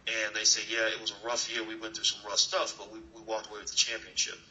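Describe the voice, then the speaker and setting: A man's voice: on the low side, flat delivery, fast talker, bright, forceful tone, dull audio, a little hiss or hum. A man hosting an online class and interviewing a guest over a video call, talking earnestly with many fillers and restarts. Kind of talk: motivational talk and interview. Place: new location, dim room.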